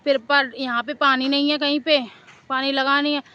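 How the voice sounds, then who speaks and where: A woman's voice: sits high, little pitch movement, normal speed, muffled recording. A woman vlogger casually telling a story to camera outdoors in a park, chatty and rambling, often repeating herself.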